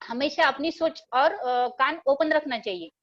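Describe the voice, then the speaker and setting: High-voiced Marathi woman telling a story. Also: unhurried, a bit bright, dry recording, muffled recording. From Maharashtra, India. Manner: hesitant, many fillers and restarts. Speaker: speaker at a business meeting. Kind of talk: motivational talk with a story.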